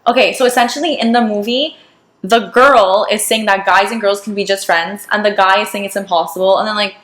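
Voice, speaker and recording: A woman's voice: mid-range voice, steady tone, fairly quick, fairly bright tone. A young woman co-hosting a podcast in casual chat, blunt and swearing freely, acting out quoted dialogue. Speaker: podcast co-host. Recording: roomy echo.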